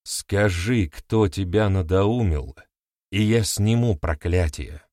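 A man's voice: deep voice, takes it slowly, darkish tone, dry recording. Stern male sorcerer, read by a man, audiobook, declaiming, dry close sound. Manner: firm and declaiming. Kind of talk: audiobook reading.

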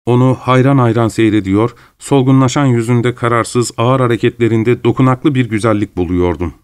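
A man narrating an audiobook in a calm, measured reading style. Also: mid-range voice, smooth. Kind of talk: scripted narration.

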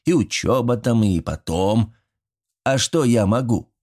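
A man's voice: mid-range voice, animated, measured pace, darkish tone. A man voicing a fussy, good-natured old village grandfather who talks in folksy rural speech, sighing and fretting. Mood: fretful. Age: older.

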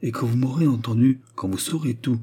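A man reading a novel aloud, voicing a calm nobleman who speaks in a cool, measured way. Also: mid-range voice, husky, pitched above the performer's own voice.

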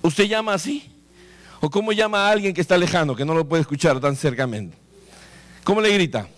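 A man's voice: on the high side, expressive, fairly quick. A male pastor preaching a sermon, telling the story dramatically with vivid sound effects and exhorting his listeners directly.

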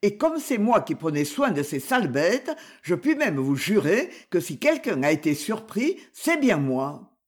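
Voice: mid-range voice, very animated, a little slow, slightly rough. A reader voicing a taciturn, grumbling middle-aged man, a former gardener turned grocer, in an audiobook. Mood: gruff. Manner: grumbling, blunt.

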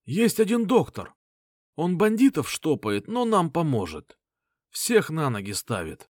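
A man voicing a gruff male fixer who reassures a wounded friend in a hearty way. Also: fairly high pitch, wildly swooping pitch, measured pace, a little mellow, no echo, clean studio sound, pitched above the performer's own voice, heavily acted. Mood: reassuring.

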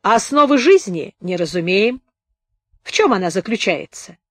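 A woman voicing a thin-bearded wounded soldier with a high boyish voice, telling a folksy tale in a slow, plain manner. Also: big pitch swings, a bit bright, dry recording. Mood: wry. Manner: unhurried folksy village speech.

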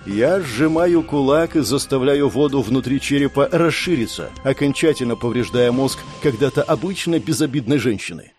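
A man's voice: mid-range voice, expressive, moderate pace, few pauses, darkish tone, faint music behind. A man narrating a first-person fantasy story in a tense, dramatic reading style. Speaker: audiobook narrator.

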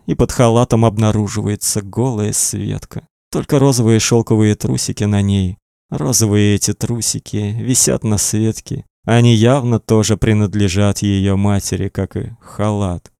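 A man's voice: on the low side, fairly even intonation, normal speed, vocal fry, mellow, clear, resonant tone, no echo, clean studio sound. A man narrating an audiobook in a tense, dramatic reading.

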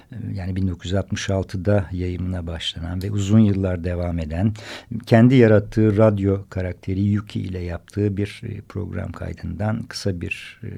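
A male radio host narrates in a fairly low voice with heavy vocal fry. His semi-scripted delivery is halting, with hesitant phrasing. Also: warm tone.

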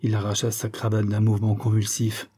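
A man reading a classic novel aloud as an audiobook, in steady, measured narration. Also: fairly low pitch, slightly rough. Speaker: audiobook reader. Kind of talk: scripted narration.

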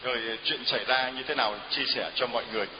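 A man, a priest, briskly prompting a parishioner's testimony with short questions. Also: medium pitch, steady tone. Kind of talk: sermon hall interview. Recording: dull reverberant hall with hum.

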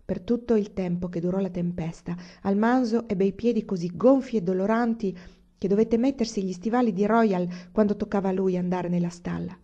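A woman reading a novel aloud as an audiobook narrator, in an even storytelling manner. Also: mid-range voice, brisk. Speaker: audiobook reader. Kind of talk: scripted narration. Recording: dull lo-fi recording.

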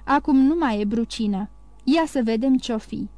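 A woman voicing a grave, solemn male doctor in an audiobook, speaking slowly. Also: fairly high pitch, mellow, no room sound, lightly acted. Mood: muttering.

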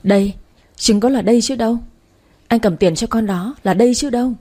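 A woman's voice: on the high side, brisk, warm tone, pitched above the performer's own voice, lightly acted. A woman reading a storybook, voicing a furious, abusive jealous wife who hurls insults. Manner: screaming insults.

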